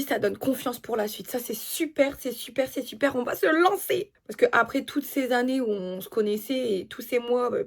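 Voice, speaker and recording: A young woman telling a personal story in a lively, blunt, slangy way, swinging between hushed asides and loud outbursts. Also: a little high, breathy edge. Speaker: storyteller vlogger. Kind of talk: casual story time.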